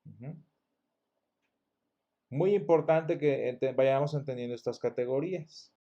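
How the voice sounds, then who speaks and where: This church Bible lesson comes from a male Sunday school teacher whose mellow, medium-pitched voice is unhurried. He asks rhetorical questions, explains with patience, and often starts words over, while the audio has its highs cut off.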